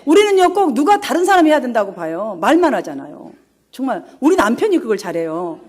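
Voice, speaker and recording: Lively high-voiced woman pastor preaching. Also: brisk. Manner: emphatic, storytelling, with laughs. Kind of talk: sermon. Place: church sanctuary.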